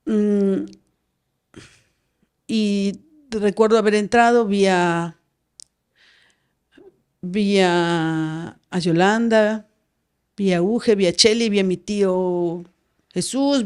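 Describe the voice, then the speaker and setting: A woman in her forties, a guest in an interview, recounting a personal story in a measured way with restarts. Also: medium pitch, fairly even intonation, darkish tone, clean tone. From Veracruz, Mexico. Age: 40s. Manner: measured, recounts with many restarts and reported speech. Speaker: guest, nurse.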